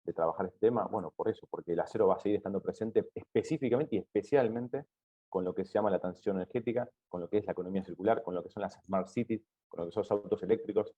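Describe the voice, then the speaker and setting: A man speaking as an industry panelist, explaining his points at a conference in a husky voice. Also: lowish voice, quick pace. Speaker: steel industry representative, panelist. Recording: dull, lo-fi sound.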